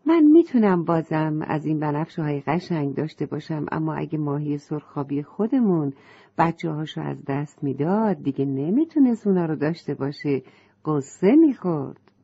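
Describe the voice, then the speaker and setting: A woman's voice: deep voice, big pitch swings, slightly rough, lo-fi sound, heavily acted. A woman voicing a kind, eager young hero in a children's storybook. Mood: gentle.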